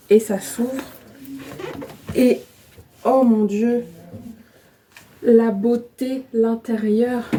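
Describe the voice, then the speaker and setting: A chatty woman with a warm, mellow voice, talking casually at home. She gushes and gets excited, and her speech is full of fillers, with a faint hiss of background noise. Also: mid-range voice. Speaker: vlogger. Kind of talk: casual unboxing chat.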